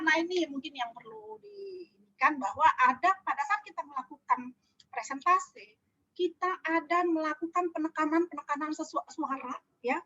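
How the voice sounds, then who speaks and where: Over a video call, a woman trainer gives chatty feedback to a class, often asking them questions and laughing easily. Her voice is high-pitched and sharp, and the recording is dry, dull, lo-fi video call audio.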